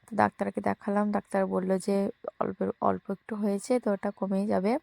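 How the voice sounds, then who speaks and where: A woman's voice: mid-range voice, completely flat delivery, fast, creaky, darkish tone. A young woman from Bengal narrating a casual daily vlog, chatting to her viewers as friends with many fillers. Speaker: vlogger.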